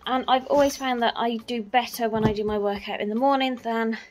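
Talking a little fast in a slightly high, fairly even voice, a woman vlogs as she walks, her phone held out at arm's length. The chat is casual and rambling, peppered with "so" and "um," and it shifts from town streets outside to her home inside, with slight background noise.

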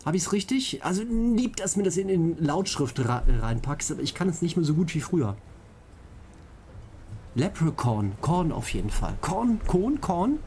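A man's voice: fairly high pitch, animated, brisk, hardly any pauses, a little mellow, a little hiss or hum. Playful man muttering over gameplay. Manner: playful, repeats words, mutters to himself. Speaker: let's play host. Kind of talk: casual gameplay commentary.

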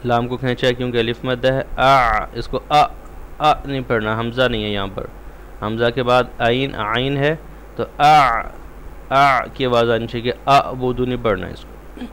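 A man from Pakistan teaching Quran recitation, his voice at a middle pitch. He explains the rules in quick bursts and stretches the recited words out slowly. A faint hiss sits under the recording. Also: fairly even intonation, fairly bright tone. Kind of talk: Quran recitation lesson with slow drawn-out recitation.

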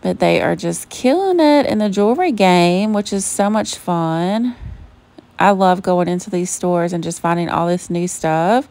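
A shopping vlogger from Savannah, Georgia, speaks with a Southern accent as she browses inside a retail store, filming on a handheld phone. Her lowish voice is animated yet measured in pace, and she gushes chattily, calling her viewers "y'all" in a casual shop-with-me chat.

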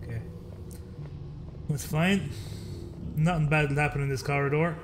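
A man's voice: fairly high pitch, fairly even intonation, normal speed, noisy background. A man in his thirties giving casual, sweary, wry commentary while playing a game. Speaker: let's play streamer. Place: dim room at home. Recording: game music behind the voice. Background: horror game music and sounds.

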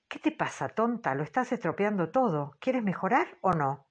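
A woman's voice: mid-range voice, very animated, moderate pace, slightly rough. A woman voicing a brusque young man who speaks curtly and with contempt, on a dull, muffled audiobook recording. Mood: contemptuous. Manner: curt and contemptuous. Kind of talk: audiobook character voice.

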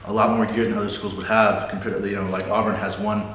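A man's voice: lowish voice, level tone, quick pace, fairly bright tone, very echoey, recorded from a distance, slight background noise. A man in his twenties from California, an equipment manager speaking casually and earnestly in an interview. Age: 20s. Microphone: lapel mic.

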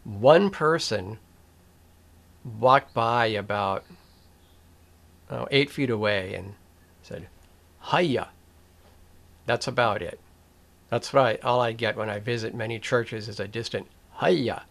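Very unhurried and deliberate, an older man speaks reflectively to camera as a video essay host, considering each phrase, pausing, restarting and adding dry, wry asides. His ordinary mid-range pitch carries vocal fry and a bit of brightness, and he seems to be at a desk in a small room near a webcam.

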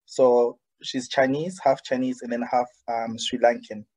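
A young man hosting a webinar over a video call, reading a guest's bio with frequent ums and pauses. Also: mid-range voice, level tone, darkish tone, slightly rough, low-quality recording. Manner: hesitant, many ums. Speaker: webinar host. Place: indoor room, padded wall behind. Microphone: video call webcam.

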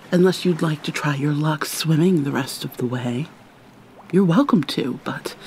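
Dry and haughty in mood, a woman with a deep, darkish voice and a faint hiss or hum voices a vampire mermaid for an ASMR roleplay. The mermaid is sardonic, formal and irritable, sighing in exasperation, yet cares in secret.

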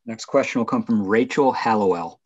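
A man moderating a press conference, calling up reporters in a brisk, formal way. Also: on the low side, darkish tone, breathy edge. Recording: dull lo-fi conference audio.

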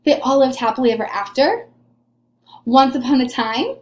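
She speaks at a normal speed in a very animated, high-pitched voice with a darkish tone, and the room is echoey. An early elementary teacher in her twenties, she reads aloud to young children in an encouraging question-and-answer style, responding as if pupils had answered. A webcam or camera sits at desk distance in a small room.

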